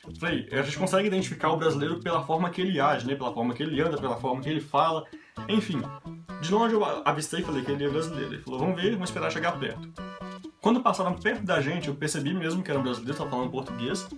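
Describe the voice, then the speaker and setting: Speaking very fast, expressively and on the high side, a young Brazilian vlogger shares one casual everyday anecdote after another. When he quotes other people he does it in his own voice, and guitar music plays underneath.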